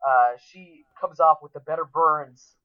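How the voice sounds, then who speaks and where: A man's voice: fairly high pitch, fairly even intonation, measured pace, smooth, narrow, tinny audio. A man co-hosting a podcast, chatting about a cartoon in an enthusiastic, rambling way with many fillers. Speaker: podcast co-host. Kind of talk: casual chat.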